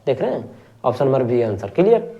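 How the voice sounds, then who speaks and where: A man's voice: medium pitch, normal speed, lo-fi sound. A man teaching a math lesson for board exams, asking questions and answering them himself, repeating key terms and calling students pet names. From Bihar, India. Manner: affectionate, calls students "my rasgulla". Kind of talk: exam-prep math lesson.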